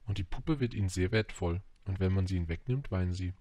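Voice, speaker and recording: Man voicing a little boy prince, earnest, wondering, gentle, storybook, dry close sound. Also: sits low, fast talker, no echo. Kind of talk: audiobook reading.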